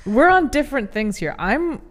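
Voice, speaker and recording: A podcast co-host in her early twenties chats casually in a high, very animated voice at a normal speed. She sounds incredulous, swears in disbelief, and leans heavily on the word "like."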